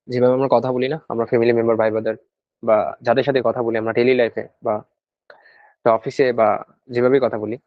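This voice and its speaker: A man's voice: medium pitch, no echo. A man tutoring students for an English speaking exam, explaining step by step in a casual lesson and repeating his key points. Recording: dry, dull lo-fi sound.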